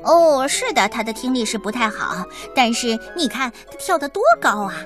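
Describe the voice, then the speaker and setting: Woman voicing a storybook mouse boy, cheerful, eager, high, very lively voice. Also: moderate pace, music in the background, close to an everyday voice. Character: little male mouse, cheerful, thoughtful, short-legged.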